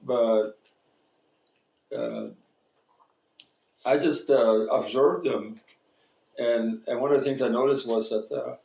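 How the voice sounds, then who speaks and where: A man's voice: medium pitch, a little mellow, echoey room, poor audio. A man preaching an informal sermon in a church, telling a personal story in a rambling, self-correcting way with frequent chuckles. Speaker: pastor. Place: church sanctuary.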